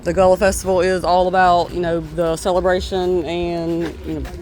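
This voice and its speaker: Chatty high-voiced man narrating outdoors. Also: level tone, moderate pace, darkish tone. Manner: unscripted, stammering, chatty. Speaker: vlog host. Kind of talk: casual walking-tour narration. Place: outdoors at a waterfront marina, walking.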